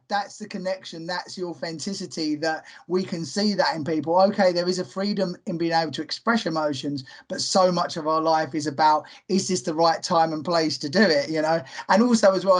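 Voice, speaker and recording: A man hosting a podcast, chatting casually about films in an animated way, laughing often and making jokey asides. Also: on the high side, brisk, few pauses. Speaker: podcast host. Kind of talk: casual film chat.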